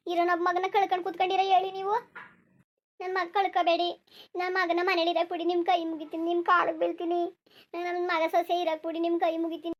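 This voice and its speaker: A woman's voice: extremely high pitch, monotone, fast talker. A woman voicing a tearful village mother in a cartoon who pleads and begs for her son. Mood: pleading. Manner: pleading, begging. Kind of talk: cartoon dubbing.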